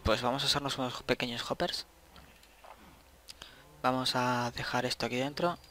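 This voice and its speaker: Bright-voiced Spanish gaming guy. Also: mid-range voice, little pitch movement, moderate pace, a little hiss or hum. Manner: rambling, talks to himself, swears at the game. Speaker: gaming channel host. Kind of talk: casual gameplay commentary.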